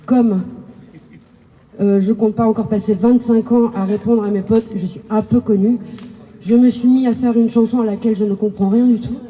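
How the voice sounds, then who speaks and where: A woman's voice: on the high side, steady tone, brisk, dark tone. A woman singer from Spain with a Spanish accent, joking and mocking herself in casual banter at a live concert. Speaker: singer on stage.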